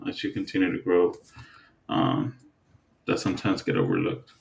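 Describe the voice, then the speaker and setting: Man, podcast co-host, from the Dominican Republic, very low voice, halting with fillers. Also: vocal fry, a little hiss or hum. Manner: relaxed, hesitant with many fillers and restarts. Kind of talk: casual chat.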